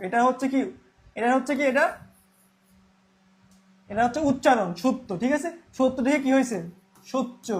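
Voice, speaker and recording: A young man with an extremely high-pitched voice teaches a Bangla grammar class. He repeats key terms and asks questions that he then answers himself.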